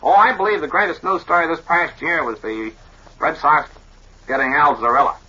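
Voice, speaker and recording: A man's voice: a little high, normal speed, sharp tone, slight background noise. A man playing a self-important radio newsman in 1940s radio comedy, with an emphatic old newsreel delivery. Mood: self-satisfied. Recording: dull vintage 1940s radio recording.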